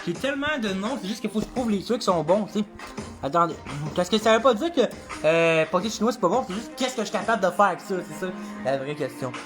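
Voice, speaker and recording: Rambling Québécois rapper over a beat. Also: male voice, high-pitched, animated, fast talker, music in the background. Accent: Québécois French. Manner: rambling, swears often, chatty with viewers. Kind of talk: casual livestream chat and freestyle rapping.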